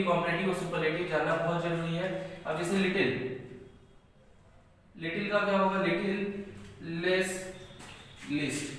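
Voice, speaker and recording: A man, teaching English grammar in a high voice. He works through each rule step by step. The sound is strongly echoey, with a long reverb, picked up from far off the mic. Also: fairly bright tone, a little hiss or hum. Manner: explains step by step, says "ठीक है" often. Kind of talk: classroom lesson.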